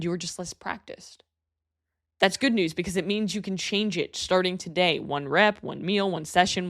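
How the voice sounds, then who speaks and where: A woman's voice: fairly low pitch, fairly bright tone. Woman, young adult, podcast host, motivational monologue, blunt, emphatic, swears. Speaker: podcast host and fitness coach.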